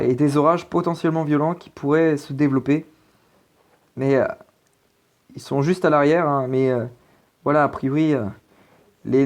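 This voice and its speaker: A man with a medium-pitched, darkish voice gives amateur forecast commentary over weather maps. He keeps it casual but halting, often filling gaps and starting over.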